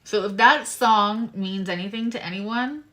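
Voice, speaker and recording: A woman with a mid-range, bright voice and a forceful tone gives a casual live-stream tarot reading. A slightly swollen tongue impedes her speech as she meanders unhurriedly, drifting between the cards and various asides.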